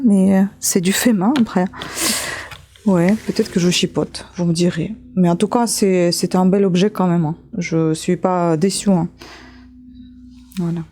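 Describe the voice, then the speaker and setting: A woman's voice: fairly low pitch, warm tone, slight background noise. A woman vlogging casually as she unboxes a gift, chatting to viewers with many fillers and restarts. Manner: talks straight to viewers while handling an object. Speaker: beauty vlogger.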